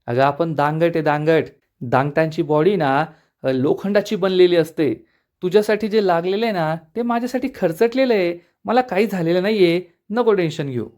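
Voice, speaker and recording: A man's voice: high-pitched, moderate pace, darkish tone, natural voice. A man voicing a stubborn, boastful old man in a hospital bed who insists he is fine. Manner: insistent, brushes off worry.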